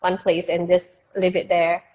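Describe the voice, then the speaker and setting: A woman's voice: lowish voice, monotone, unhurried, darkish tone. Easygoing woman hosting, dull lo-fi audio. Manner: easygoing, switches freely between languages. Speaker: host. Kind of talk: casual live-stream chat.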